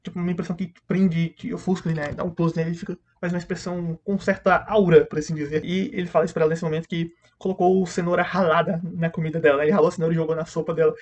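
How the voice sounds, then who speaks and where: A man giving a casual, chatty recap of anime episodes, rapidly retelling the plot and quickly mimicking the characters' lines. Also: a little high, little pitch movement, a little mellow. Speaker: anime reviewer.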